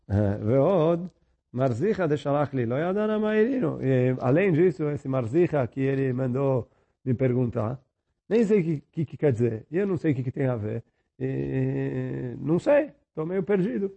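A man teaching a Talmud study lesson, reading Aramaic phrases and then explaining them in a relaxed, conversational way. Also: mid-range voice, dull audio.

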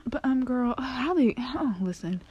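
A woman's voice: high voice, animated, measured pace, darkish tone, slightly rough, lo-fi sound. A woman chatting to camera in a casual solo vlog, rambling and drifting between normal talk and whispers, her voice going dry and failing. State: losing her voice, dry-throated. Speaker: vlogger.

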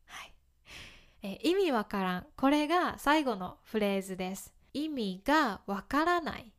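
A woman teaching phrases in a casual podcast, speaking slowly and clearly with a light tinge and short English glosses. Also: a little high, animated. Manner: slow, clear explanations mixing in English glosses. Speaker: Japanese language teacher.

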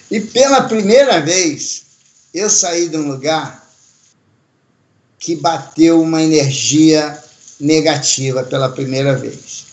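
A man telling a personal story in a casual, animated way, acting out the voices of the people in it. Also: fairly high pitch, slow pace. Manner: animated, acts out quoted voices, slangy. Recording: roomy echoey sound.

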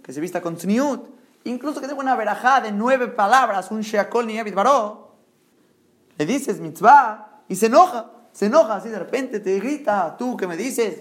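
A man giving an emphatic Torah sermon, asking rhetorical questions and mixing Hebrew terms into his speech. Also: high voice.

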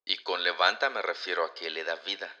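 A man hosting a podcast who slowly poses reflective questions to the listeners. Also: deep voice, pushed and bright. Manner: slow, posing questions to listeners. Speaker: podcast host. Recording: long reverb, distant from the mic.

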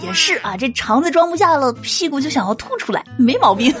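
A woman's voice: high voice, big pitch swings, brisk, a crowd in the background. A woman in her thirties, a mother, telling humorous family anecdotes and often laughing between jokes, with faint music behind. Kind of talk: humorous storytelling monologue.

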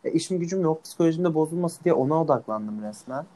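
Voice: medium pitch, expressive, fast talker, dark tone, low-quality recording. A young adult co-hosting a casual chat, talkative and self-mocking, laughing often. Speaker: podcast co-host.

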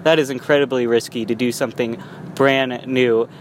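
Behind the wheel, a young man rambles through a casual vlog at normal speed, restarting often and laughing a little. His mid-range voice stays steady over faint road noise and a light traffic hum.

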